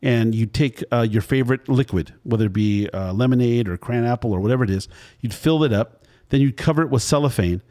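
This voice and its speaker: Speaking fairly quickly in a mid-range, dark voice, a fifties-aged man hosts a laid-back food podcast. He's a rambling storyteller, spinning wandering anecdotes during casual interview talk.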